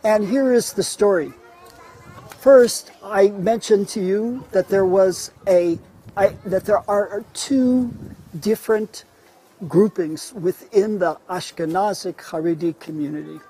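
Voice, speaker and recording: A man guides a live online walking tour outdoors, lecturing in a mellow, high-pitched voice. He talks slowly, pausing on fillers and breaking off to restart words. Faint street ambience runs underneath. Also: a little hiss or hum, low-quality recording. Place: outdoors in a city neighborhood.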